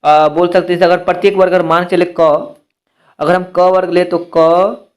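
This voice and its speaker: High-voiced male grammar teacher explaining. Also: flat delivery. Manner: explains step by step, slows to spell out letters and asks rhetorical questions. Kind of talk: exam-prep grammar lesson.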